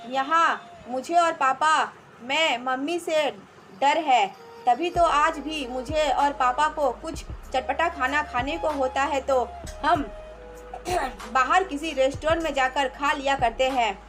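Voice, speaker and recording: A woman reading the lines of a young husband who quietly complains about his strict mother, in a storybook narration. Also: very high-pitched, slow, faint music behind, full character voice. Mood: confiding. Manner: complaining, confiding.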